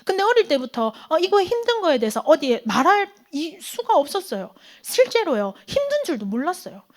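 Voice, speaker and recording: Youth pastor, female, bright high voice, question-and-answer sermon with sudden whispers. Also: very animated, fairly quick. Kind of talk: sermon to teenagers. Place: church hall.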